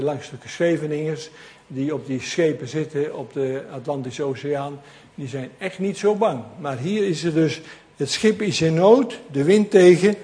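Male preacher, fairly high voice, lively and conversational sermon delivery with asides to the congregation.

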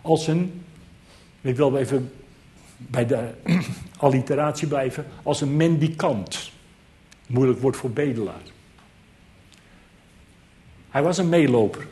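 A man's voice: mid-range voice, slow, pauses often, dark tone. A man preaching a sermon, earnest and emphatic, repeating key phrases for weight.

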